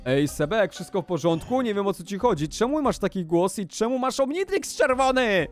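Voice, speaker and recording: A young male gaming YouTuber narrates a Minecraft roleplay at a high pitch, his voice bouncing wildly up and down. He is excitable and often shouts as the action heats up, with light music playing underneath. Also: moderate pace.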